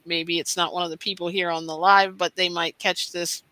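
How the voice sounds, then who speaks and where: A woman's voice: fairly low pitch, level tone, normal speed, sharp tone, no echo. A woman hosting an interview, talking in an encouraging, chatty way and asking her guests questions. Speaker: interview host. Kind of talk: casual interview talk.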